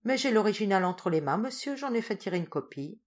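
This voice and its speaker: A woman's voice: medium pitch, lively intonation, brisk, close to an everyday voice. A woman reading an audiobook voices a formal male notary who is polite but insistent. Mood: firm.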